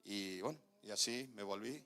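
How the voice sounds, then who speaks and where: Argentine pastor with a bright voice. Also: male voice, fairly low pitch, moderate pace. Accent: Argentine Spanish. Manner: storytelling, laughs often, dips quiet then rises. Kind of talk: sermon with personal testimony.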